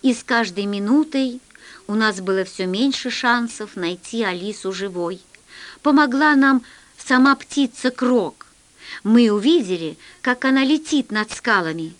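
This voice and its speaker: A woman reading a children's science fiction story aloud as scripted narration, in an expressive storytelling manner. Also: on the high side, unhurried. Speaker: audiobook reader.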